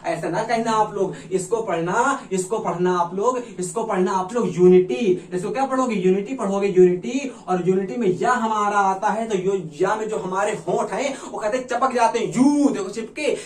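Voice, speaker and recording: A man with a Hindi accent teaching an English exam-prep lesson, repeating rules over and over and calling his students "bhaiya". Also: sits high. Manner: repetitive, drilling, addresses students as bhaiya. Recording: echoey room, voice from a distance.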